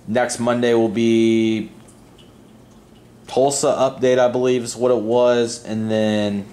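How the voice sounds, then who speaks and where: Here the model airport channel's host talks slowly in a flat but warm medium-pitched voice. The narration is a loose, sincere, off-the-cuff vlog ramble.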